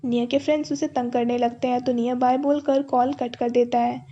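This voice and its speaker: High-voiced woman narrating a drama recap. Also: fairly quick. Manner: steady storytelling, reads all dialogue in the same voice. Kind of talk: scripted story narration. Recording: dull lo-fi sound.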